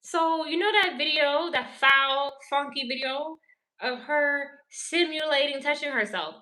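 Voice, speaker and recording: A woman's voice: high-pitched, a little slow, sharp tone. A woman from New Orleans ranting profanely in casual livestream commentary, answering her chat. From New Orleans, Louisiana. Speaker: pop culture commentator.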